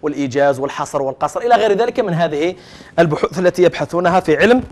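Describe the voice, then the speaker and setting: A man's voice: on the high side, animated, very fast. A middle-aged man giving a televised religious lecture, speaking emphatically, repeating key phrases and addressing his students directly. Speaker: lecturer on Arabic language sciences.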